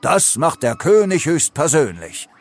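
A man voicing a boastful, clumsy young lion king in a storybook reading, excitable and whiny. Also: mid-range voice, measured pace, vocal fry, slightly rough, soft background music, exaggerated voice. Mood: excited.

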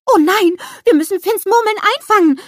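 A woman voicing an eager, innocent little male snowman with a high, excited, childlike manner. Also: moderate pace, no room sound, studio quality. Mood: alarmed.

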